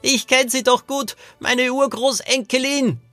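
A man voicing a gruff, secretive old great-grandfather in a high, cackling voice for a children's audio story. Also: fairly even intonation, unhurried, bright, forceful tone, faint music behind, exaggerated voice. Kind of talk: audiobook character voice.

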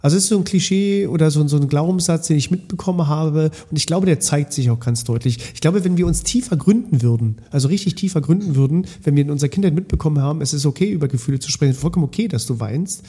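A man's voice: on the high side, fast talker, hardly any pauses, dark tone, slightly rough. A man co-hosting a casual podcast conversation, reflective and explaining through everyday examples. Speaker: podcast co-host.

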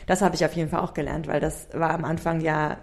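A woman's voice: sits low, flat delivery, fast talker, creaky. A young woman co-hosting a podcast, chatting casually about early motherhood with lots of fillers and tag questions. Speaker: podcast co-host. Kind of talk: casual chat.

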